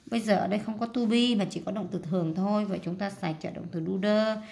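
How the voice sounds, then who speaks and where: A woman teacher whose native language is Vietnamese talks through a workbook lesson in a casual, thinking-aloud way. Her voice has a gravelly edge and sits at a middle pitch. She fills pauses freely and says each English word slowly and carefully. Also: fairly even intonation, darkish tone. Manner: chatty, thinks aloud with many fillers; spells out English words slowly.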